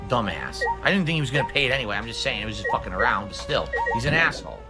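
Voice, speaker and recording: A man's voice: medium pitch, very animated, very fast, loud music behind the voice. A man talking bluntly and combatively as a streamer, in casual livestream talk. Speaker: video game streamer.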